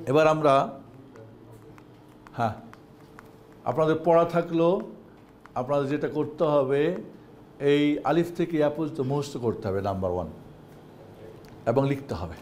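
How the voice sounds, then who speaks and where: A man's voice: a little high, darkish tone. A male Quran teacher giving an online class, chanting the names of Arabic letters in a singsong drill and then explaining the homework.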